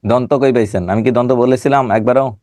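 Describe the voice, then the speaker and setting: Middle-aged man, teacher with a cold, mid pitch, dry close sound, teasing students on a video call. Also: steady tone, brisk, darkish tone, dry recording. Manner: joking, scolding students by name. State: has a cold. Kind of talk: online class lecture with teasing banter.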